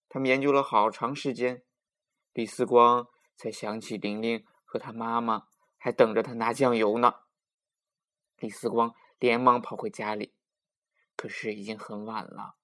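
A man narrating a children's story in a gentle, expressive storytelling voice. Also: mid-range voice.

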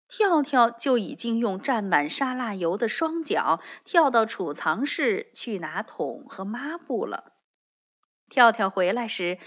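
A woman slowly reading a children's storybook aloud with expressive delivery. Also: a little high. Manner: slow, expressive read-aloud. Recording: dull lo-fi recording.

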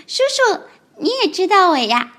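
A woman voicing a sweet, trusting baby ankylosaur in a squeaky, eager childlike voice. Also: sing-song, normal speed, fairly bright tone, heavily acted.

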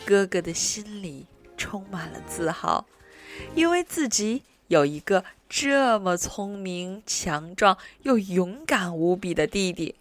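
A woman storyteller reading a children's storybook aloud in an expressive, deliberate manner. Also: mid-range voice, faint music behind.

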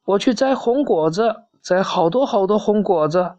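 A woman's voice: mid-range voice, animated, moderate pace, warm tone, voice pushed up, lightly acted. A tearful, confused little dinosaur boy pleads in a lifted storybook voice, as a woman reads him aloud. The sound is dull and lo-fi. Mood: pleading.

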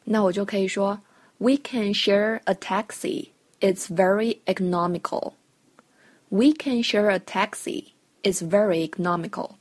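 A woman English teacher talks through vocabulary in a clear, patient way and spells words out letter by letter. Her voice sounds close and dry, with no room sound at all. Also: mid-range voice, fairly even intonation, unhurried, no echo. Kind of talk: podcast English lesson for Chinese learners.

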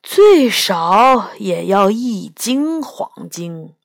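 A woman's voice: medium pitch, very animated, vocal fry, dry recording, studio quality, exaggerated voice. A woman voicing a proud, money-hungry old man who is a god of animal healing, in a children's storybook. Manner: slow, proud and drawn out.

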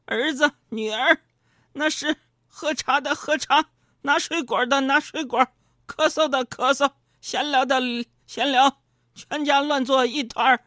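A man doing a stand-up comedy monologue. He talks to the audience in an animated, mock-indignant way. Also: very high-pitched, unhurried, dry recording, studio quality.

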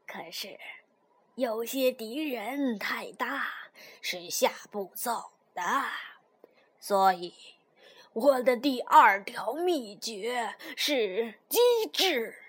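Woman doing a slow low old grandpa toad. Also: expressive, husky, full character voice. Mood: calm. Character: wise old male grandpa toad, calm and crafty.

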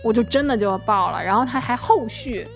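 An excitable young woman chats on a podcast and keeps breaking into bursts of laughter. Her voice is on the high side. Faint music plays behind her. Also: brisk, gravelly. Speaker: podcast co-host. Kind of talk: casual chat.

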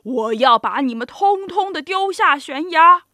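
A woman voicing a huge bullying male giant who bellows loudly in a storybook reading. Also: high-pitched, expressive, measured pace, no room sound, studio quality, full character voice. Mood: roaring. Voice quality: loud, bellowing.

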